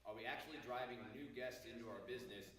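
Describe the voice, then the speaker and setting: Quick analytical man in echoey hall. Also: medium pitch. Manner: measured, analytical. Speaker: panelist, marketing executive. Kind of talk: panel discussion. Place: live event hall. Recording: echoey hall, distant mic, crowd.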